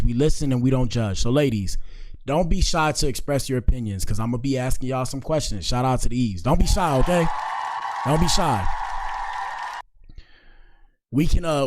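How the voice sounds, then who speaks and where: A man in his late twenties hosts a casual livestream, chatting loosely and calling out viewers in the chat. His voice sits at an everyday middle pitch. The sound is dry and close, with no room around it. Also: no room sound. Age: 20s. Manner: chatty, addresses chat with shout-outs. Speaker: livestream host.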